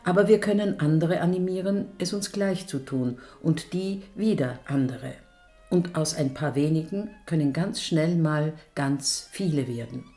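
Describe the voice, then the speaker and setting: An older woman with a very low voice and a dark, mellow tone speaks. Her scripted appeal is encouraging and rousing. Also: unhurried, faint music behind. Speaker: elderly climate activist.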